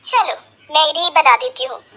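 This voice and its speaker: A woman's voice: high-pitched, brisk, sharp tone. A woman voicing a cheerful, naive young foreign daughter-in-law in a cartoon story, talking chirpily and innocently.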